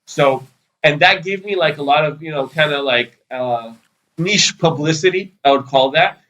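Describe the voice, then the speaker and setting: A man's voice: fairly high pitch, normal speed, sharp tone, low-quality recording. A man in his thirties from Israel, answering interview questions in a loose, rambling way full of fillers. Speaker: podcast guest, PR agency founder.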